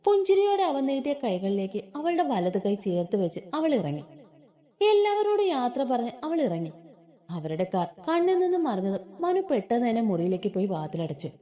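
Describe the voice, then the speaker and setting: A woman narrating a romantic family story in an expressive storytelling manner. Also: a little high, normal speed.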